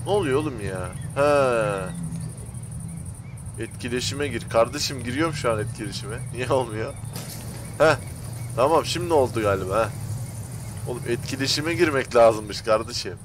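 A young man commentates his gameplay for viewers in a casual, slangy voice at an ordinary pitch. He keeps talking to the game, sounding fed up and frustrated with it. A faint noise sits under his home desk-mic recording. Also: moderate pace, long pauses. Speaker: gaming YouTuber.

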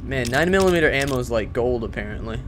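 A man giving casual let's-play commentary, chatty and easily spooked, who yells and swears when fights get tense. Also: mid-range voice, expressive, fast talker, slight background noise.

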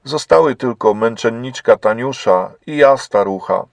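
A man voicing a weary old woman of faith who speaks in a sorrowful, measured way. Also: mid-range voice, lively intonation, vocal fry, dry recording, studio quality.

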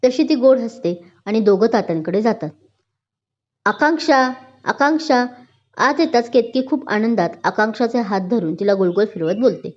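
A woman storyteller giving steady, scripted narration of a story. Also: medium pitch, fairly quick. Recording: dull lo-fi recording.

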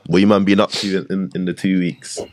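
Young man, London roadman accent, deep voice, slangy host banter, dry recording. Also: level tone, fairly quick, no echo. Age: young adult. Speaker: podcast host. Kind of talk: casual group banter in street slang. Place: small podcast studio. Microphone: boom-arm podcast microphone.

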